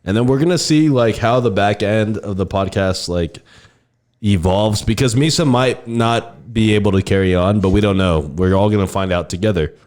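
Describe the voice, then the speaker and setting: A man's voice: fairly low pitch, moderate pace, darkish tone. An American man hosting a podcast in casual, bantering chat peppered with swearing. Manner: profane, bantering. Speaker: podcast host.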